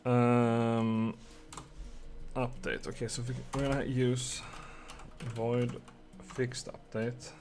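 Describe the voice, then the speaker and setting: Gravelly Swedish man streaming game dev. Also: mid-range voice, little pitch movement, slow, a little mellow, faint music behind. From Sweden. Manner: muttering while coding, swearing, chatting with viewers. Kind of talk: casual live-coding stream.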